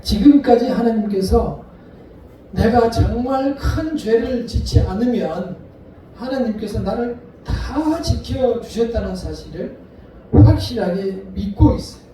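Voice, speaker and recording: High-voiced pastor preaching in an echoey church. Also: male voice, dark tone, slight background noise. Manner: earnest, deliberate preaching with repeated emphasis. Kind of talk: sermon. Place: church sanctuary. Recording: echoey room, voice picked up from a distance.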